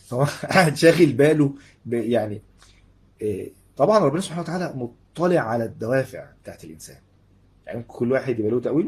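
Husky-voiced Egyptian male lecturer, rattles through a religious lesson at high speed, chatty and animated. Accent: Egyptian Arabic. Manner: conversational, animated, acts out little dialogues. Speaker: Islamic lecturer. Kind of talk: religious lecture in colloquial speech.

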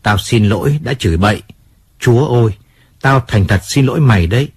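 A man's voice: medium pitch, expressive, a little fast, breathy edge, dry recording. A man reading a moody hard-drinking singer. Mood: pleading. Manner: emotional, swearing, apologetic. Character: hot-tempered male singer, drinking, self-pitying.

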